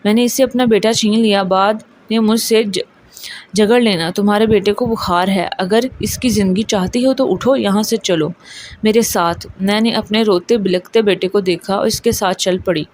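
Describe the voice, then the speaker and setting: A woman's voice: medium pitch, fairly even intonation, darkish tone, slight background noise. A woman reading out a sad, first-person story as narrator, voicing the other people's lines in her own plain voice.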